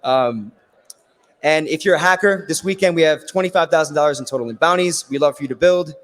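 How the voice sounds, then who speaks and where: A man with a raspy, worn voice giving a technical conference presentation, explaining things step by step and often checking in with "right?". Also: a little high, steady tone, fast. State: losing his voice. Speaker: conference speaker. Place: conference stage in a large hall. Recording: long hall reverb.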